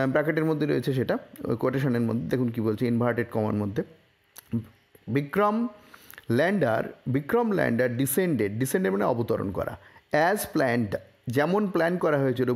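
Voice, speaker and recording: A man from India explaining a newspaper report line by line, reading English phrases slowly and then explaining them, with frequent fillers and self-corrections. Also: fairly high pitch, vocal fry, darkish tone, breathy edge. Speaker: English teacher.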